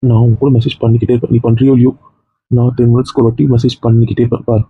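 A man's voice: medium pitch, level tone, rapid-fire, narrow, tinny audio, slight background noise, natural voice. A man playing a caring husband who coaxes and scolds his tearful wife in a homemade skit. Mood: coaxing. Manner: coaxing, then stern threats.

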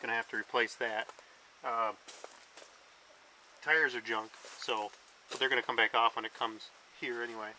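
A man's voice: medium pitch, steady tone, normal speed, pauses often, bright, forceful tone, slight background noise, rough recording. A man explaining, in a practical, matter-of-fact way, how he will fix up an old camper, speaking by and inside it. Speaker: friend describing his repair plans. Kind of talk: casual explanation.

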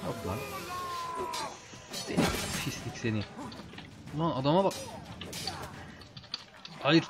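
A man casually commenting on a video game as he plays, chatting with his viewers as friends and getting excited in fights. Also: mid-range voice, slow pace, heavy background noise. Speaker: let's play host.

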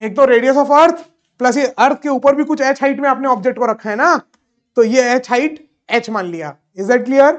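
A man teaching a physics lesson in Hindi mixed with English terms. He keeps asking questions and answering them himself, and he slows right down when dictating. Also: extremely high pitch. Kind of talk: classroom physics lecture.

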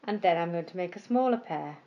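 A woman's voice: lowish voice, animated, a little fast, dull audio. A woman playing a kindly motherly farmer's wife. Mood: gentle.

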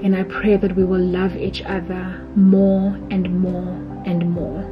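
A woman with a South African accent reading a heartfelt, prayerful letter as a voice-over, slow and tender. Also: on the low side, flat delivery. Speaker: vlogger. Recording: dull voice-over under loud music. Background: music.

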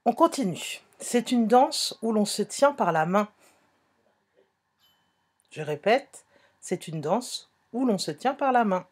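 A woman's voice: on the high side, expressive, slow, long pauses, slightly rough. A woman teaching a phonics lesson to young children, speaking patiently, repeating herself and correcting small slips.

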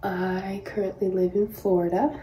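Getting ready in a cramped bathroom, this twenty-something Hawaiian tennis pro rambles to her camera and pokes fun at herself. Her medium-pitched, warm voice holds a fairly steady line at normal speed. A built-in mic on a nearby phone or laptop captures an echoey, roughly recorded sound with slight background noise.

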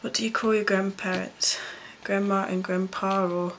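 A young woman with an Australian accent talks casually in a bedroom vlog. Her delivery is low-key and flat, with a lot of vocal fry. Some noise sits behind her voice. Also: moderate pace, rough recording. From Blue Mountains, New South Wales, Australia. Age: young adult. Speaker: vlogger. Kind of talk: casual accent-challenge vlog, reading prompts and answering. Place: small bedroom, indoors.

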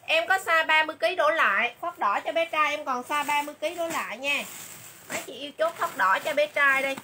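A woman doing a livestream sales pitch for clothes, chatty and repeating item names and prices again and again. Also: pushed and bright, slight background noise. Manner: chatty, calls viewers "dear sisters".

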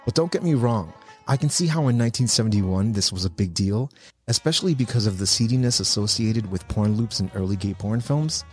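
A man narrating a scripted video essay in a measured, informative way. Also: on the low side, expressive. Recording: voice-over with music underneath.

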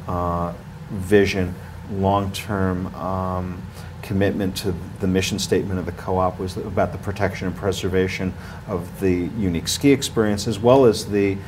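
A man's voice: deep voice, slight background noise, low-quality recording. A man in his forties, a guest in a studio interview, talking in a rambling way with many fillers and restarts. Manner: rambling, with many fillers and restarts, gets louder when animated. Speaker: ski area marketing director, guest. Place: small TV studio, indoors.

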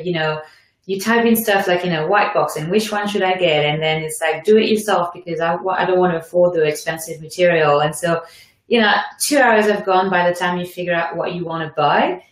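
A woman's voice: fairly low pitch, reverberant, low-quality recording. Chatty French-accented woman host. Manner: chatty, encouraging, many fillers. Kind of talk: live webinar chat.

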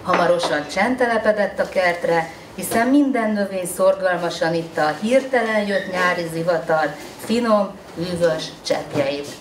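A woman's voice: on the low side, heavy background noise. Woman reading a tale in an echoey hall. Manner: slow, expressive storytelling. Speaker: storyteller at a public event. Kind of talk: reading a children's tale aloud. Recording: distant mic in echoey room.

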